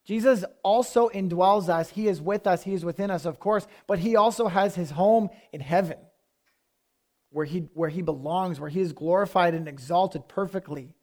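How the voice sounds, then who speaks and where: High-voiced pastor preaching conversationally. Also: male voice, moderate pace. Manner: conversational preaching that rises to forceful emphasis. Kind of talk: sermon.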